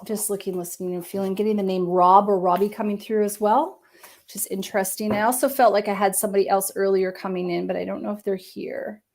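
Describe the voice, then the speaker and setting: A woman medium giving a live-stream reading, talking gently and searchingly, hedging with many likes and ums, and dropping to a soft murmur as she tunes in. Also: medium pitch, fairly even intonation, fairly quick.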